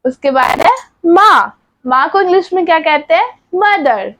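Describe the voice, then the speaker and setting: A woman teaching English words, asking what each word is called and then repeating the answer slowly. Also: very high voice, lively intonation, fairly bright tone, a little hiss or hum. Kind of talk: vocabulary lesson.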